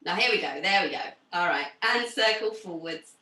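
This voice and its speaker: A young woman teaching a pilates class over a video call, giving gentle, encouraging cues. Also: lowish voice, expressive, moderate pace, distant mic. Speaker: pilates instructor. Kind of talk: guided exercise class instruction. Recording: roomy sound from off the mic.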